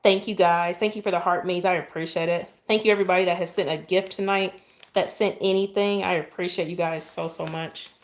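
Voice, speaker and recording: A calm, soft-spoken Southern woman from Oklahoma, USA, livestreams herself decorating cakes, chatting casually while she pipes icing at an indoor kitchen counter. Her voice is on the low side and a little fast. She is chatty, thanks viewers often, and makes asides as she works.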